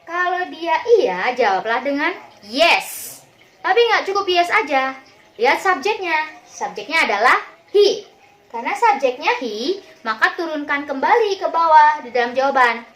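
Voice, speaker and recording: High-voiced woman teacher for children. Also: big pitch swings, measured pace, fairly bright tone. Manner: patient and repetitive, mixes in English examples; addresses pupils kindly as children. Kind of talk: online lesson for young schoolchildren.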